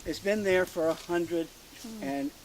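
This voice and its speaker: A middle-aged man telling family history to a gathered group outdoors at a rural graveside, in a hesitant, halting way with many fillers and restarts. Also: high voice, fairly even intonation, a little hiss or hum, poor audio. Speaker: family historian speaking at a family reunion. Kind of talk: informal storytelling speech to a gathered group.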